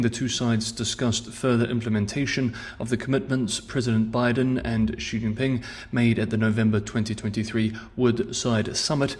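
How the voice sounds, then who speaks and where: Male news analysis host, mid-pitched, measured scripted commentary, meeting room mic sound.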